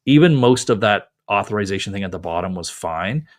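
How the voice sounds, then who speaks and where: A Canadian lawyer hosts a live call-in show, giving advice casually and conversationally. His fairly low voice is expressive and brisk, recorded on a close mic while he wears headphones.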